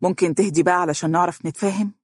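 Reader doing a gentle young male doctor with an Egyptian accent, measured and soothing, dry audiobook sound. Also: mid-range voice, steady tone, dry recording, natural voice. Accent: Egyptian Arabic. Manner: soft, reassuring, measured.

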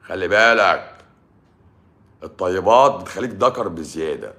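An Egyptian man, a doctor, lecturing emphatically on a live stream and swinging between loud and hushed speech. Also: low voice, lively intonation, normal speed. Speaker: doctor giving advice.

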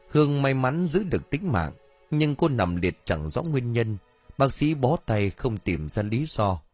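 A man narrates a story in an expressive, dramatic audiobook style. His voice is a little husky and moves over a wide pitch range. Faint music plays behind the dry voice. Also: dry recording.

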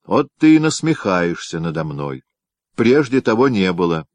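A jealous, tearful young woman pleads and reproaches in an audiobook scene, as a man reads her. The voice is low but lifted above the narrator's own tone and sits in a dry, close space. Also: sing-song, moderate pace, darkish tone, no room sound. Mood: reproachful. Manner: pleading, emotional. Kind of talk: audiobook character reading.

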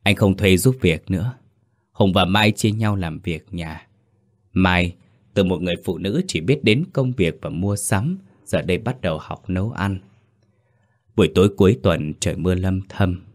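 A man narrating a written story in a slow, solemn way. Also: deep voice, no room sound, studio quality. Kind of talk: scripted ghost-story narration.

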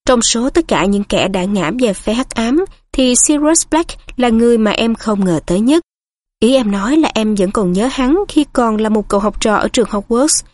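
A woman's voice: a little high, darkish tone, no echo. A woman voicing a chatty, confiding woman innkeeper in a storybook reading.

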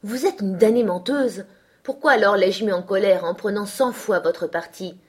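A woman reading a French audiobook and voicing a gruff, hostile young man who snaps his replies. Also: mid-range voice, moderate pace, natural voice. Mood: surly. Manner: gruff and snapping. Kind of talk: audiobook character voice.

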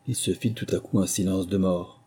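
A man narrating a storybook as an audiobook reader, in a measured storytelling manner. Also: low-pitched, fairly even intonation, warm tone, a little hiss or hum. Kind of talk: scripted narration.

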